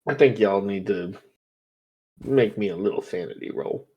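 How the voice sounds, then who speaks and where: Male game master, low voice, easygoing, laughs a lot while running the session. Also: moderate pace, darkish tone, breathy edge, dull audio.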